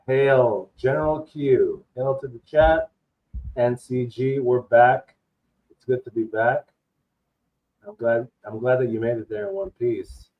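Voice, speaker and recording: A man's voice: medium pitch, fairly even intonation, measured pace. A man co-hosting a live stream in easygoing, joking banter. His voice sounds muffled, as if it comes through a wall. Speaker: co-host. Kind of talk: casual live-stream chat. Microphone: breaking-down computer mic on an online call. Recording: muffled lo-fi failing mic.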